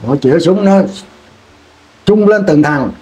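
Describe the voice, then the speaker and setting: A man's voice: high voice, animated, a little slow, darkish tone. A man, recalling his war years in an interview, rambling and repeating words as he restarts sentences. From Vietnam. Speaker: veteran interviewee. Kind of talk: oral history war recollection.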